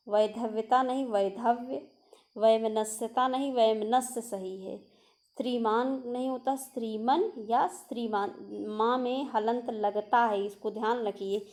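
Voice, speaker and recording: Going word by word through an exam-prep spelling lesson, a young Hindi teacher asks rhetorical questions along the way. Her voice has a fairly high pitch and a darkish tone.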